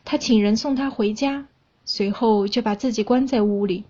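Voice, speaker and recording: A young woman from China reading a story aloud in a calm, even storyteller's manner. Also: fairly high pitch, moderate pace, slightly rough, dull audio. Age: young adult.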